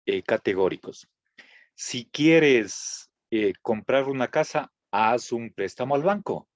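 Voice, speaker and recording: A man teaching a philosophy class, pausing to check in with his students and restarting phrases as he goes. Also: medium pitch, no echo. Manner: checks in with frequent "¿sí?", halting restarts. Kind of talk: classroom lecture. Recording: dull lo-fi dry recording.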